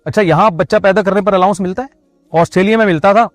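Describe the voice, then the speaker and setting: A male preacher from Pakistan delivers a religious talk in a lively, chatty way, teasing his audience with jokes and rhetorical questions. His voice sits fairly high for a man. The recording is close and dry, with faint music underneath. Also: fast, no echo. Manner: conversational and joking, full of rhetorical questions. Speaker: Islamic preacher. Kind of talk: religious lecture.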